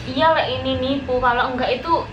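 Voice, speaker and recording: A woman's voice: high voice, steady tone, fairly quick, lo-fi sound. A young woman chatting casually among friends. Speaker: friend who helped plan the prank. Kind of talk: casual chat. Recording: echoey room with clear background noise.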